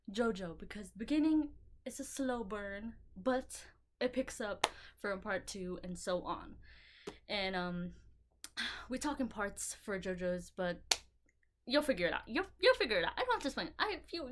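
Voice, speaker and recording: Rambling, excitable young woman. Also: fairly high pitch, noisy background. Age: young adult. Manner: rambling, excitable, swears casually. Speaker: vlogger showing her manga collection. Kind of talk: casual chat to camera. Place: bedroom.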